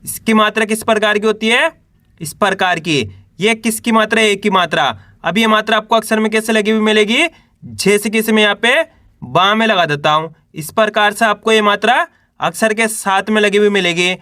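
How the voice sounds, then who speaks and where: A man's voice: high voice, brisk, sharp tone, no echo, studio quality. A man teaching Hindi reading step by step, sounding out syllables and asking and answering his own questions. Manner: Hindi teacher using colloquial "apan" for "we".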